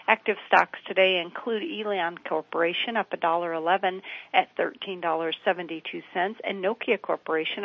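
Creaky American woman reading market news by phone. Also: fairly low pitch. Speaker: financial advisor giving market report. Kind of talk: scripted market news bulletin. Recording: tinny, narrow phone line.

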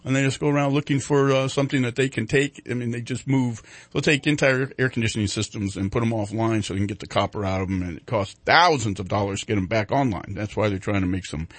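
A man's voice: lowish voice, fast talker, no echo. Man hosting live morning radio, dry studio sound. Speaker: radio show host. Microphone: studio broadcast microphone.

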